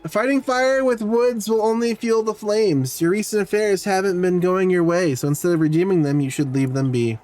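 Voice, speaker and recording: A man reading a smooth fortune-teller shopkeeper. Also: high-pitched, fairly even intonation, normal speed, few pauses, a little mellow, voice pushed up, close to an everyday voice. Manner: read aloud in a plain voice. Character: male fortune-telling shopkeeper, smooth salesman.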